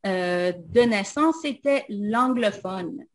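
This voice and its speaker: A woman from Montreal, Canada, whose first language is English, speaks slowly and haltingly in a medium-pitched, animated voice. As an invited guest in casual personal talk, she hesitates, says "euh" often and switches into English.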